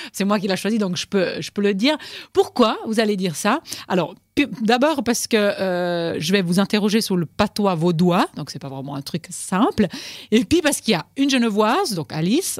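A woman with a somewhat high voice runs a radio quiz, playful and teasing, laughing easily as she reads out the options. Her voice sits close and dry, with no room sound around it. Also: dry recording. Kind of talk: lively quiz hosting on radio. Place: radio studio.

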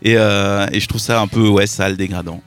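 A man's voice: fairly low pitch, steady tone, fairly quick, soft background music. A man chatting casually in a studio, hesitant and full of fillers and restarts.

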